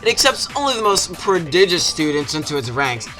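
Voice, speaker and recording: With music playing behind him, a man narrates a comedic, scripted video game review in a sarcastic, exaggerated way. His slightly high voice is very animated and brisk.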